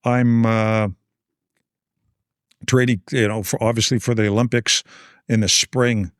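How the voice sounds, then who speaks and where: A man in his sixties from Canada, a guest telling animated anecdotes in a casual interview and acting out other people's lines. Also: lowish voice, a little slow, smooth, no room sound, studio quality.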